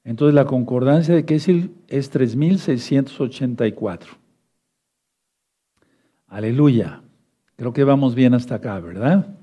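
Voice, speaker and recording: A man's voice: medium pitch, measured pace, long pauses, dark tone, slightly rough, muffled recording. A man teaching a Bible study sermon, repeating key points, spelling out words and asking listeners to take notes. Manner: addresses listeners as beloved brothers, asks for note-taking.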